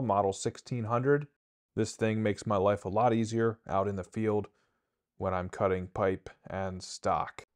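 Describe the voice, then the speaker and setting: His voice is on the low side with a darkish tone: a man in his thirties who works as a traveling TIG welder. Holding a handheld camera, he walks through his indoor workshop tool by tool, explaining each in a matter-of-fact, practical manner.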